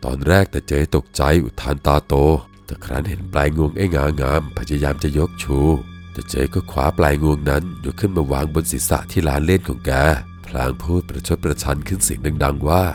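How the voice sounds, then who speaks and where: Man, very deep voice, solemn storyteller, measured reading, faint background music. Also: a little mellow. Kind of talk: scripted first-person ghost story narration.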